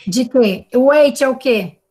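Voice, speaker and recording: Teaching English online through a video call, this woman speaks slowly in a high, slightly mellow voice. She has a Brazilian Portuguese accent, explains with patience, and frequently uses tag questions to check on her students.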